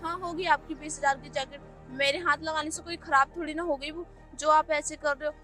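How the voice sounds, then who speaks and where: A woman's voice: sits high, steady tone, brisk, pushed and bright, soft background music. A young woman playing a poor, earnest young woman who reproaches her ex-boyfriend in a web skit. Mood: reproachful. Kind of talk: Hindi web skit acting.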